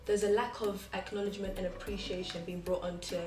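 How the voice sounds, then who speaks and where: A woman's voice: mid-range voice, flat delivery, fast. Confident young woman co-host. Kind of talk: playful skit and interview. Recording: roomy, distant, with music.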